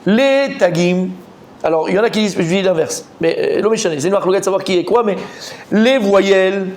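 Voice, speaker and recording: Un homme rabbin qui donne un cours de Talmud animé, interroge ses élèves et répète ses mots en s'emportant. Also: male voice. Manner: animated, quizzes the students, repeats words, rising pitch when excited. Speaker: rabbi teaching a Talmud class. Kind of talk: lively Torah class.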